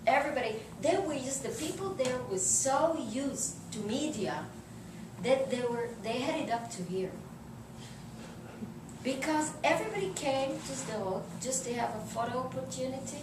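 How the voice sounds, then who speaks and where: A middle-aged woman with an Israeli accent tells personal anecdotes in an informal interview, halting and searching for words. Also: sits high, lively intonation. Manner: halting, searching for words in non-native English. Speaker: journalist being interviewed. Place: indoors in a living room, seated on an armchair. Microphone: distant camera microphone. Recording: roomy, noisy recording from a distance.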